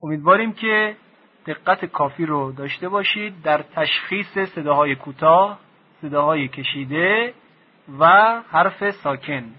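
A man teaching Quranic reading, drawing out each syllable slowly for the listener to repeat. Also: fairly high pitch, breathy edge, phone-quality sound. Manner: slow, drawn-out syllables for repetition. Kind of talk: Quran recitation lesson.

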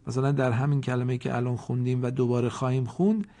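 A man teaching Quran reading in a formal recorded lesson, speaking slowly and deliberately, pausing to let learners answer. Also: medium pitch, level tone, mellow.

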